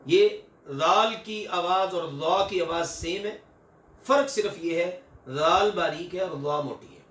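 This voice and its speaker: A man's voice: high voice, takes it slowly, fairly bright tone, reverberant, distant mic. An older man teaching Quranic recitation, patiently repeating and stretching each example sound. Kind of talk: recitation lesson with drawn-out examples.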